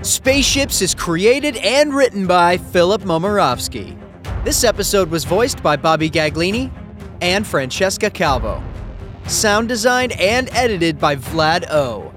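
A man's voice: sits high, very animated, unhurried, over music. A man reading scripted end credits as an announcer for an audio fiction show.

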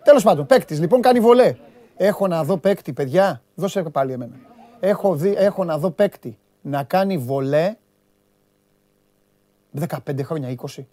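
High-voiced joking male sports host. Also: a little mellow, no room sound. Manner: joking, bantering with the studio crew. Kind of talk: lively studio commentary on amateur football clips. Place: TV studio.

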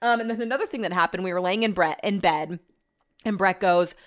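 A woman's voice: on the low side, brisk. A woman in her thirties talking casually in a vlog, rambling and chatty, swearing freely. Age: 30s. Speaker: vlogger.

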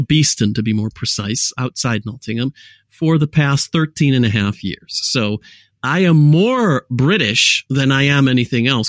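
A man's voice: mid-range voice, no room sound, clean studio sound. A man with a mixed American accent, a guest telling rambling, jokey stories in a casual interview. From United States.

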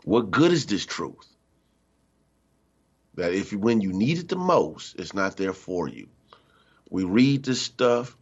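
A man's voice: mid-range voice, dull audio. A middle-aged man giving a conversational, emphatic spiritual talk as a minister, acting out the voices he quotes. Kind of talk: spiritual teaching talk on radio.

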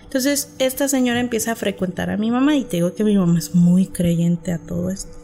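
A woman's voice: mid-range voice, brisk, vocal fry, faint music behind. A woman with a Mexican accent, animatedly telling a personal story as a podcast guest and acting out the people in it. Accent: Mexican Spanish. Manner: animated, acts out quoted voices. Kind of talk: casual storytelling.

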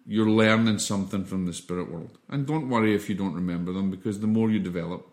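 A man with a voice on the low side teaches an informal spiritual lesson. He's earnest, reassuring and explanatory, often halting and repeating words as he goes.

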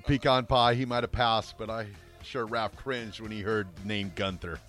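A man's voice: lowish voice, fairly even intonation, moderate pace, fairly bright tone, faint music behind. A man co-hosting a radio show with casual sports banter. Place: radio studio.

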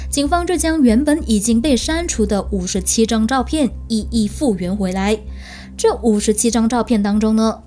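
A woman's voice: on the high side, darkish tone. A woman hosting a true crime show, narrating in a suspenseful, conversational storytelling way and speaking directly to listeners.

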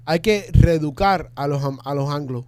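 A man's voice: fairly high pitch, moderate pace, darkish tone, clean tone, dry recording. A man in a casual podcast chat, blunt and profane, dropping English phrases into his talk. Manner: blunt, swears, mixes in English.

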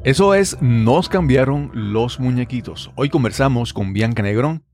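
A man's voice: mid-range voice, expressive, measured pace, darkish tone. Man hosting a podcast. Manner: friendly, asks follow-up questions. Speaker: podcast host. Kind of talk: podcast intro and interview.

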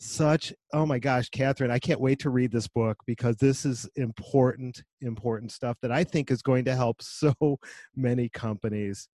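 A man in his forties hosting a podcast, talking enthusiastically and acting out quoted lines with lively asides. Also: mid-range voice, no room sound, studio quality. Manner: animated, quick asides, lively quoted voices. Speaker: podcast host. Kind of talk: enthusiastic conversational interview.

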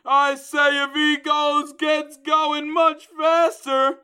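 A brash, shouting fight announcer, put on by a drunk man calls the bout in a high, bright voice. The play-by-play comes fast and loud, with a clear tone. It is an audio fantasy story, not a live broadcast. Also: steady tone, soft background music, full character voice. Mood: frantic. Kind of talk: drunken storybook podcast reading.

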